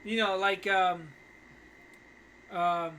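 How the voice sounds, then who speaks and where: A man's voice: high-pitched, fairly even intonation, drawn-out words, bright, forceful tone. A young man co-hosting a podcast in casual, slangy chat, laughing often. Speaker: podcast co-host.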